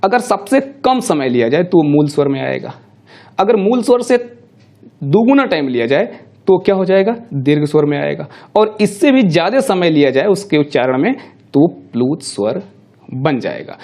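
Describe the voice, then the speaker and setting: Man teaching, patient and mellow. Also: fairly high pitch. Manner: explains patiently, asks and answers his own questions. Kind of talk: classroom lecture.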